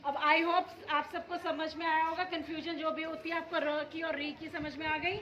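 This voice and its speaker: A woman's voice: high-pitched, level tone, normal speed. A woman teacher giving a Hindi lesson, quizzing the class and repeating words for the children to copy. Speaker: primary school teacher. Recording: dull echoey classroom with children.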